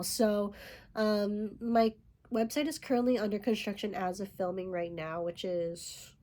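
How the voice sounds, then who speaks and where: A woman's voice: medium pitch, darkish tone. A woman with a stuffed-up, nasal voice from a head cold, chatting casually as host of a knitting vlog, rambling with plenty of fillers. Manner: rambling, lots of fillers and light laughs. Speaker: yarn dyer and podcast host.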